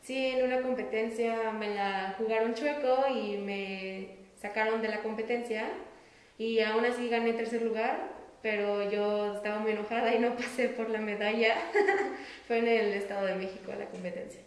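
A young woman from Mexico with a Mexican Spanish accent, answering interview questions in a relaxed way and laughing easily. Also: on the high side, moderate pace. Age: young adult. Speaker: interviewee, student. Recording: roomy echo.

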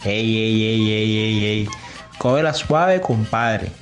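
A man's voice: fairly low pitch, takes it slowly, soft background music. Man playing a breezy Colombian Caribbean coast guy. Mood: teasing, friendly. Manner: breezy, colloquial, teasing.

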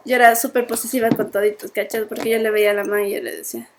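A high-pitched woman, chatting casually as a podcast co-host. She talks in an animated way, laughs a lot and slips into playful quoted voices. A faint noise sits under the recording. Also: very fast. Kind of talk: casual chat.

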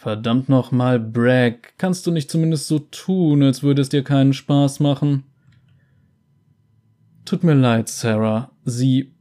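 A man's voice: medium pitch, warm tone, natural voice. A man voicing a cunning female pirate captain with a sardonic, calculating inner voice.

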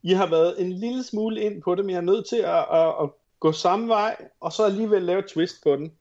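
Man, slightly high pitch, informal joking chat, dulled recording. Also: a little mellow, dull audio. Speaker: podcast panellist. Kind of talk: casual chat.

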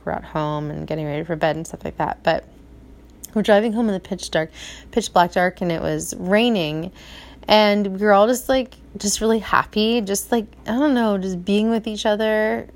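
A middle-aged woman in casual chat about her family, rambling with lots of "like" fillers. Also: on the low side. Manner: rambling, chatty, full of "like" fillers. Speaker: mom vlogger.

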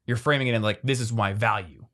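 A man co-hosting a podcast, chatting casually and quickly, reading listener questions aloud. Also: fairly low pitch, fairly bright tone. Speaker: podcast co-host.

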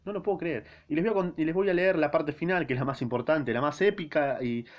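A man's voice: fairly high pitch, quick pace. Argentine male podcast host, casual slangy book recap, rambling. Dull lo-fi sound. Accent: Argentine Spanish. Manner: slangy, rambling, self-interrupting. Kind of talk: casual spoken book summary. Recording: dull lo-fi recording.

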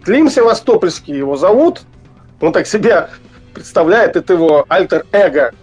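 A man from the Urals talking casually as an interview guest on an internet call, halting and correcting himself. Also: high voice, expressive, a little mellow, husky, soft background music. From Urals region of Russia. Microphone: internet messenger call.

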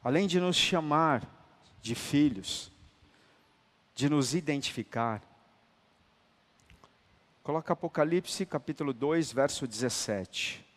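A man preaching a sermon, emphatic and colloquial, moving between loud declarations and hushed, tender lines and calling listeners brother. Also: a little high, slow pace, long pauses. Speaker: apostle preaching. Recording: long hall reverb.

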